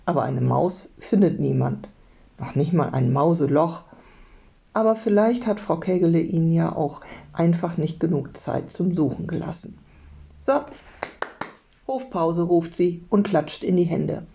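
Gravelly-voiced woman teacher reading aloud. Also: low voice, normal speed. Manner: calm, steady storytelling. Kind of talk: reading a children's book aloud. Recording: dull lo-fi recording.

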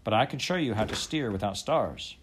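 A man voicing a clever young schoolboy who speaks briskly and practically. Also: fairly low pitch, lively intonation, slight background noise, lightly acted.

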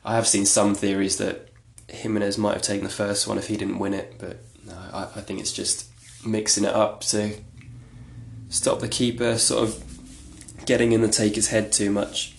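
A man's voice: fairly low pitch, little pitch movement, normal speed, vocal fry. A man hosting a solo podcast, talking in a rambling, chatty, self-deprecating way. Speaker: podcast host. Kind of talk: casual solo podcast talk. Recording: echoey room.

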